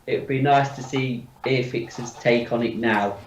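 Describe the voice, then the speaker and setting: A man's voice: mid-range voice, fairly even intonation, measured pace, a little hiss or hum. A man with a blocked nose chatting casually on a video call, his voice sounding echoey and far from the microphone. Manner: chatty, opinionated, lots of fillers. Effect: echoey room sound, voice far from the mic. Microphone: computer mic on a video call. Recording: echoey, distant, dull mic on a call.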